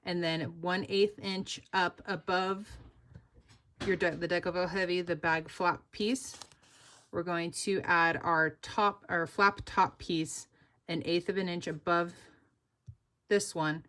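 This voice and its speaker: Taking it slowly, a young sewing pattern designer guides viewers through her pattern in a fairly low, steady, fairly bright voice. The tutorial is casual and upbeat, sprinkled with fillers like "like" and "oop".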